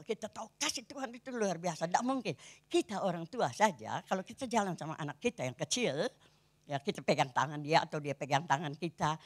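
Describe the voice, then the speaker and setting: A woman in her eighties with a Kupang Malay accent, preaching a sermon in a conversational style and often asking her listeners rhetorical questions. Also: lowish voice. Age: 80s. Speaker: pastor.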